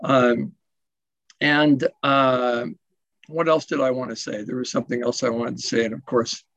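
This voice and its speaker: A man's voice: medium pitch, little pitch movement, a little slow, a bit bright, no room sound. A man from Canada's west coast giving a rambling, self-deprecating talk at a recovery event over a video call, full of fillers and restarts. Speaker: guest speaker at a recovery symposium. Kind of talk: casual personal share over video call. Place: home in Portugal, late at night.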